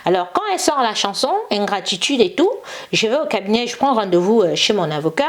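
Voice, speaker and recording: A woman's voice: medium pitch, sing-song, quick pace. A woman, an interview guest telling a long story and acting out the quotes. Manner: acts out quotes and sings snippets, repeats "et tout". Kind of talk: animated storytelling.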